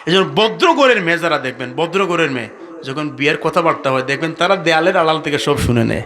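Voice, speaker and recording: A man preaching a sermon, telling a story with lively acted quotes and repeatedly calling on his listeners to respond aloud. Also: fairly high pitch, fast. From Bangladesh. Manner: animated storyteller who calls on the crowd to answer. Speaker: Islamic preacher. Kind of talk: Bengali waz sermon with storytelling.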